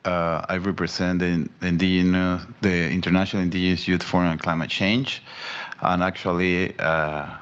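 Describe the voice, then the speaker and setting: A man from Panama gives a hesitant self-introduction at a workshop, stopping often on fillers. His voice is very deep and smooth. The recording is dull and lo-fi. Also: level tone, fairly bright tone. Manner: hesitant, halting with many fillers. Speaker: workshop participant.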